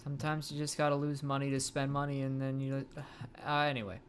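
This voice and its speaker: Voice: medium pitch, completely flat delivery, brisk, a little hiss or hum. A game streamer giving playful commentary, stammering and talking to the game's characters.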